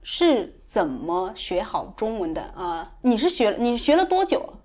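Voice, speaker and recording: A woman's voice: medium pitch, very animated, measured pace, a little mellow. A woman acting as interviewer, asking questions in a casual, conversational way.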